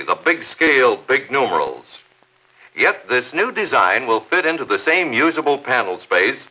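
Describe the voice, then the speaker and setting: A man's voice: mid-range voice, sharp tone, poor audio. A man narrating a 1950s corporate newsreel in a polished, promotional announcer manner.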